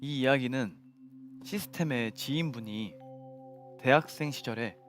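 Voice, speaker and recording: A young man telling a ghost story to friends in polite, measured formal narration, as co-host of a show. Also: medium pitch. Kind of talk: spoken storytelling among friends. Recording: music behind the voice.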